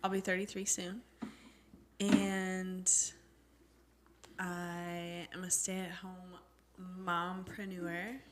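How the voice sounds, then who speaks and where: A woman's voice: lowish voice, flat delivery, extremely slow, long pauses, background noise. A woman in her thirties, a podcast guest, chatting casually and easily amused. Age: 30s. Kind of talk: casual chat.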